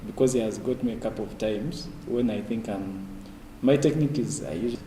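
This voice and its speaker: A man's voice: on the low side, fairly quick, warm tone. A man chatting about chess as a commentator, speaking in a thoughtful, tentative way. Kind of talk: casual commentary chat. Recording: echoey hall from afar, faint noise.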